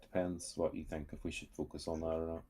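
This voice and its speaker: A man's voice: a bass voice, flat delivery, fast, mellow, husky. A man playing a tabletop game, musing aloud with many hesitations and fillers. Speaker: player. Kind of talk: casual tabletop game chat.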